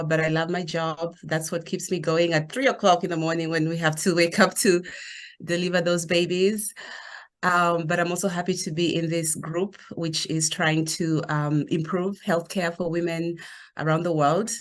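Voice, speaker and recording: A woman from Tanzania, an obstetrician, introducing herself on a video call in a friendly, slightly hesitant way. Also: fairly low pitch.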